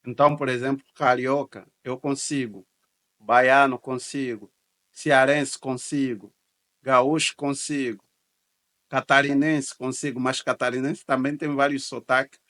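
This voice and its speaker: A man's voice: mid-range voice, little pitch movement, a little slow, a bit bright. A man hosting a reaction video, speaking in casual commentary, chatty and repeating words as he reacts.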